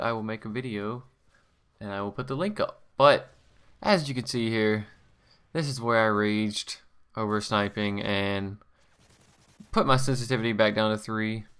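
A channel host with a lowish, fairly bright, clean-toned voice gives casual gameplay commentary. He rambles offhandedly and often corrects himself.

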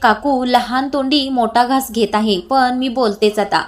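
A woman's voice: a little high, steady tone, a little slow, natural voice. [name], a woman voicing a defiant young woman.

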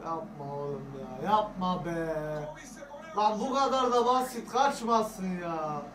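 High-voiced man yelling at a match. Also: lively intonation, slow. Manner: exclamations, urging players on, swearing, frank verdicts. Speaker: football fan reacting to a match. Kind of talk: live match reaction. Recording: roomy echo.

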